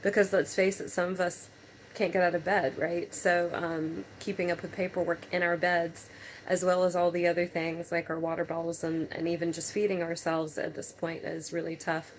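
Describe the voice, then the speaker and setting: Tired woman recovering from surgery chatting on a vlog, lowish monotone, hesitant, some background noise. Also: low-quality recording. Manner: halting, hesitant delivery with long pauses. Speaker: patient vlogger. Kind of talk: casual personal vlog.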